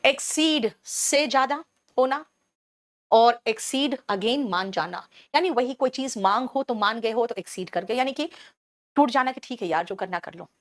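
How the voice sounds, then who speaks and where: A woman from Bihar teaching English words in a live online class, briskly and in a motherly way, switching to English terms and answering students' questions as she goes. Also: on the high side, lively intonation, dry recording, studio quality. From Bihar, India. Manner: explains English words in Hindi, switching between the two.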